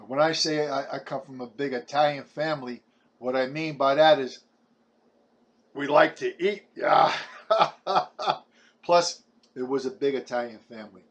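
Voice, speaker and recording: A man in his seventies from Brooklyn, with a New York accent and a medium-pitched voice, talks to camera in a rambling personal testimony. He's halting, chatty and preachy, often repeating his words. The audio sounds dull.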